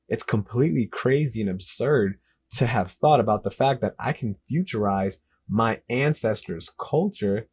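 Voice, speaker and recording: A man's voice: lowish voice, slightly rough. A young man, an author, answering interview questions in a casual, enthusiastic way and repeating himself often. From Dominican Republic and the US Northeast and South. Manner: enthusiastic, repetitive, lots of "literally" and "like".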